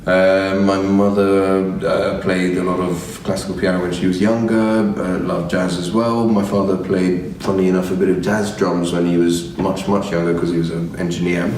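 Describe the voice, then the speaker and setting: Low-voiced man in a very echoey room. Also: flat delivery, normal speed, hardly any pauses, a little mellow. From Egypt. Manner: thoughtful, rambling with light humour. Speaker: musician guest. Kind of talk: relaxed conversational interview. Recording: very echoey room, far from the mic, faint noise.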